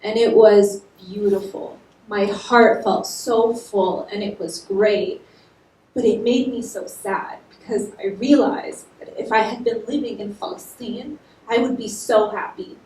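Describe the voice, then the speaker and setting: A woman's voice: mid-range voice, fairly even intonation, measured pace, darkish tone, slight background noise. A woman panelist from Jordan, speaking about her life with heartfelt feeling that grows impassioned. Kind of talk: panel discussion. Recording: echoey room, distant mic.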